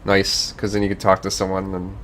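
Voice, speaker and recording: Brief: laid-back male streamer from Virginia, rambling profane chat, lower voice, faint hiss behind. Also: completely flat delivery, a little fast, fairly bright tone. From Northern Virginia, US.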